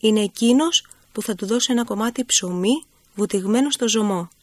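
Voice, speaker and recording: A woman reading the words of Christ as a gentle, grave man, in slow, solemn, measured speech. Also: on the high side, dry recording, close to an everyday voice.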